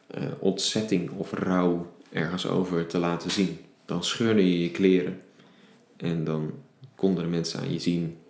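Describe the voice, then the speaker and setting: A man with a deep, low voice reads a Bible passage aloud and then talks it through in a reflective, unhurried way. His explanation comes with small fillers and restarts. The recording has a noticeable room echo. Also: a little mellow. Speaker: Bible teacher. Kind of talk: Bible reading with devotional commentary. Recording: roomy echo.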